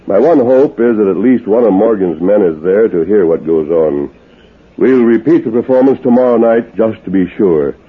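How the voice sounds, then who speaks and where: A bold masked Western hero. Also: male voice, lowish voice, normal speed, breathy edge. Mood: calm planning. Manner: mocking, laughing heartily at an outlaw. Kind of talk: 1940s radio acting. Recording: tinny old radio broadcast.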